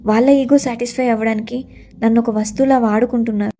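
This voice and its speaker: A woman's voice: fairly high pitch, steady tone, fast talker, mellow. A young woman narrating her own story in the first person, earnest and sorrowful.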